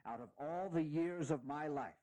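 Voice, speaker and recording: A man playing a dignified, fatherly aging general, giving stirring, deliberate and sometimes halting oratory in a historical audio drama. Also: on the high side, dark tone, close to an everyday voice. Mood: earnest, heartfelt. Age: older.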